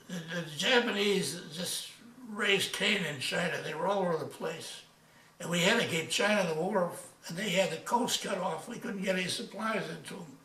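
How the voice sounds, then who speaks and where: A man of ninety-eight, an old veteran remembering his service in a casual interview, halting and repeating words as he goes. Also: sits high, pushed and bright. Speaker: retired army major, war veteran. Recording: echoey room, distant from microphone.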